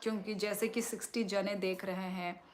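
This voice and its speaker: A woman hosting a casual livestream, reading viewer comments aloud, thanking them and asking for likes, with a strong, loud voice into a phone. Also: medium pitch, flat delivery, normal speed, slight background noise. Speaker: livestream host.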